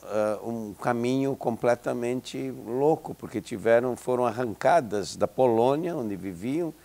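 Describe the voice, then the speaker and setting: Here a seventy-something Israeli psychology professor, Hebrew being his native tongue, muses thoughtfully as an interview guest. His mid-range voice is gravelly and mellow and a little slow. He hesitates often, with many fillers and restarts.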